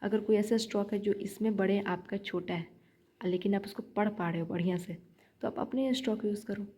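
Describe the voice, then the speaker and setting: A woman's voice: medium pitch, steady tone, fairly quick, warm tone, breathy edge. A young woman giving chatty shorthand practice tips in a casual vlog, repeating her points as she coaches viewers. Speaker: shorthand learner vlogger.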